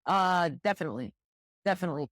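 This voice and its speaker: Speaking fast and animatedly in a lowish voice, this middle-aged American woman is a guest on a relaxed interview, where she serves as director of student housing. Her talk is candid and thoughtful, with words repeated while she hunts for the right ones. The dry recording is studio quality.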